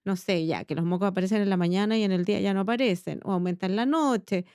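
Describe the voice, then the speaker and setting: Chilean woman pediatrician, mid pitch, patient explainer, dry close mic. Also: quick pace, a little mellow, smooth, no room sound. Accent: Chilean Spanish. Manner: explains patiently, frequent tag questions. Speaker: pediatrician, podcast host. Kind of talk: casual medical chat.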